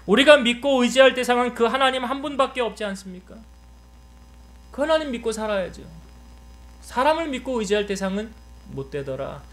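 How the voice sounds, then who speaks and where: Pastor guy preaching a sermon, kinda high voice, keeps asking the congregation questions and pushing hard on key words. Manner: rhetorical questions to the congregation, emphatic rises.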